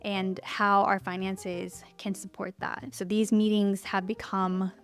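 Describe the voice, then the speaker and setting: A woman's voice: medium pitch, little pitch movement, measured pace. A woman in her thirties who is pregnant and a little out of breath. She chats in a friendly, cozy way in a sit-down vlog and laughs often. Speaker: lifestyle YouTuber.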